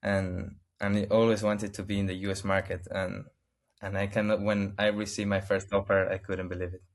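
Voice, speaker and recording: Speaking in lowish tones with little pitch movement, an interview guest from Argentina answers questions over a video call. His Argentine Spanish accent colors halting English, full of restarts as he hunts for words; Spanish is his first language.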